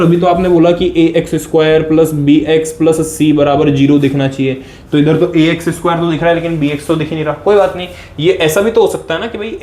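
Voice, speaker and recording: Male maths teacher, slightly high, chatty and repetitive, echoey room. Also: a little mellow. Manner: chatty and repetitive, speaks directly to students, checks in often. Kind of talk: classroom lesson explaining step by step.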